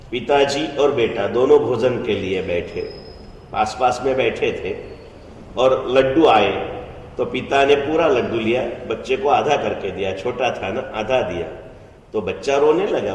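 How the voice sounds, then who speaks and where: Brief: male monk, unhurried storytelling sermon, far from the mic in an echoey hall. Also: mid-range voice. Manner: unhurried, storytelling, drawn-out emphasis. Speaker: Jain monk giving a discourse. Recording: echoey hall, distant mic, faint noise.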